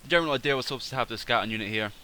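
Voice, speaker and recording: A gaming channel host gives casual replay commentary on a strategy game, his voice slightly congested and stuffy. It's mid-range, rapid-fire, bright, and forceful, with a little hiss or hum in the audio. He rambles, corrects himself, and thinks aloud as he goes.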